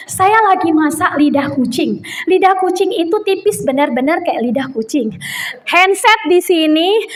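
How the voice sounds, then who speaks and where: High-pitched lady giving a sermon, bits, acts out her stories. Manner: animated storytelling, acting out quotes. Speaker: preacher.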